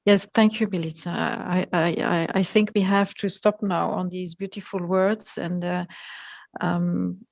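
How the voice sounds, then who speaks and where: Slow, measured woman moderator. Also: fairly low pitch, no echo. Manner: halting, thankful, measured. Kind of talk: closing a panel talk. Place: room indoors. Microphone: headset on video call.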